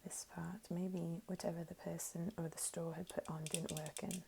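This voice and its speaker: A woman speaking softly in a casual ASMR style, describing objects in a hushed voice that often slips toward a whisper. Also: lowish voice, level tone, normal speed, gravelly. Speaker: ASMR video creator. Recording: very noisy close recording with crinkling and clicks. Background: tapping, clicking, crinkling and rattling of handled objects.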